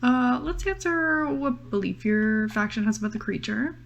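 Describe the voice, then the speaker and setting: A woman playing a tabletop game, pitching ideas in a hesitant way, searching for words. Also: animated, moderate pace, creaky. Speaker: player.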